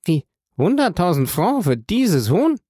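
A man voicing a haughty, indignant rich gentleman in an audiobook, with imperious, exasperated outbursts. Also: fairly high pitch, lively intonation, moderate pace, creaky, dry recording, clean studio sound, voice pushed up. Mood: incredulous. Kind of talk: audiobook character voice.

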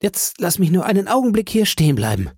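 A man doing a theatrical excitable young friend. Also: mid-range voice, a little slow, no echo, clean studio sound. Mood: gushing. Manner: theatrical, swings from gushing to wailing.

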